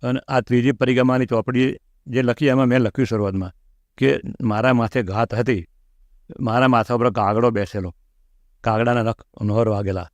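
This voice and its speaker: A middle-aged man, an interview guest, telling a personal pilgrimage story in an animated way and acting out the lines he quotes. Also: medium pitch, moderate pace, no echo. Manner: animated, acts out quoted speech.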